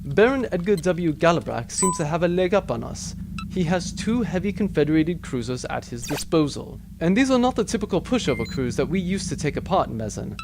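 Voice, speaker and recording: A man's voice: a little high, sing-song, fairly quick, gravelly. A man playing a boastful, roguish space captain in a sci-fi comedy audio drama, pompous, theatrical and wisecracking, on a noisy recording. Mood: scheming.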